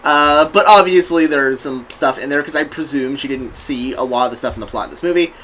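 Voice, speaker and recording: A man's voice: on the high side, fairly quick, fairly bright tone, a little hiss or hum, rough recording. A man co-hosting a film podcast, chatting casually and giving firm opinions, often laughing. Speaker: podcast co-host. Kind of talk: casual chat about films.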